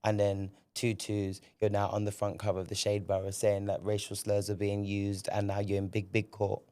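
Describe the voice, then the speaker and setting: Candid, animated man hosting a podcast. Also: fairly low pitch, normal speed, dry recording. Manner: candid, animated, swears freely, repeats words when excited. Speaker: podcast host. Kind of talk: casual podcast commentary.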